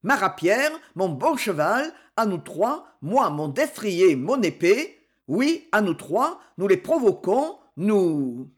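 A reader voicing a proud, fiery young adventurer in an audiobook, with loud, impassioned, defiant outbursts. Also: mid-range voice, big pitch swings, takes it slowly. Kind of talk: audiobook character reading.

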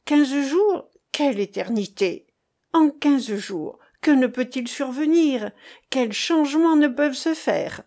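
A woman's voice: high voice, animated, takes it slowly, dark tone, pitched above the performer's own voice, heavily acted. Woman reading as a fiery young lover. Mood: rapturous. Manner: impassioned, pleading. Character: passionate young woman in love, defiant. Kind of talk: audiobook character reading.

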